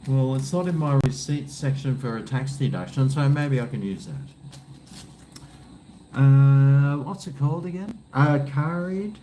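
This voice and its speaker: A man's voice: mid-range voice, a little slow, mellow, rough recording. A man with an Australian accent chatting casually to his viewers in a laid-back, blokey, rambling way. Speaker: livestream cooking vlogger. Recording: faint background noise.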